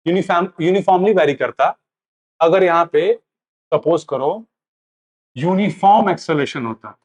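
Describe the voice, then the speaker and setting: A man's voice: on the high side, animated, measured pace. A man teaching a physics lesson, asking questions aloud and answering them himself, slipping English phrases into his explanation. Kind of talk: classroom lecture.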